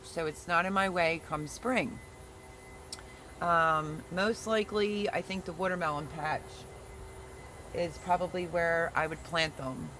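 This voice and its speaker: A gardening host on a casual livestream reads viewer comments out loud and teases them in a chatty way. The mid-pitched voice comes through a low-quality recording, with steady hiss and passing traffic underneath.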